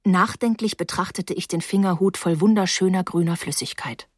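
A woman reading a first-person novel aloud in a steady, expressive storytelling manner. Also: lowish voice, normal speed, slightly rough, dry recording, clean studio sound. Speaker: audiobook narrator.

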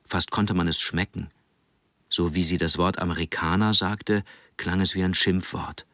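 Deep-voiced male audiobook narrator. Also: fairly even intonation, moderate pace, a bit bright, no room sound, clean studio sound. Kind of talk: scripted narration.

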